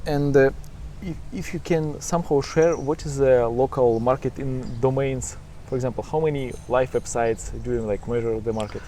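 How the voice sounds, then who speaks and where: Relaxed male interviewer with choppy phrasing. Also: mid-range voice, moderate pace, few pauses, a little hiss or hum. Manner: choppy non-native English phrasing. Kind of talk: casual business interview.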